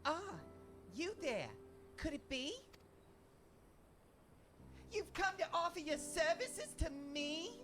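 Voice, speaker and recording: A woman's voice: very high voice, expressive, slow, pauses often, fairly bright tone, heavily acted. A woman voicing a small, earnest young female would-be inspector in a theatrical fan dub of game dialogue, with game music behind. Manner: theatrical, dramatic sighs and sobs. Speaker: fan voice actor.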